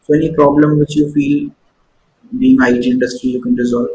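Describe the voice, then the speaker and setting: A man's voice: mid-range voice, fairly even intonation, brisk, vocal fry, warm tone. Echoey Indian man interviewing a candidate. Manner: probing, explains questions with examples. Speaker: job interviewer. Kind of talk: mock interview questioning. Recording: echoey room with faint noise.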